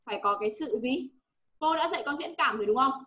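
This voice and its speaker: A woman's voice: high-pitched, expressive, fast talker, sharp tone. A woman English teacher with a Vietnamese accent, coaching a pupil one-on-one and patiently repeating words for her to echo.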